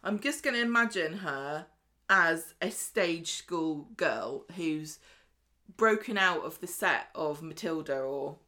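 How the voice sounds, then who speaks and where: Her voice is low, bright, and forceful, and she sounds animated. As a podcast co-host, she chats through a soap opera recap, acting out the characters' lines in quick voices.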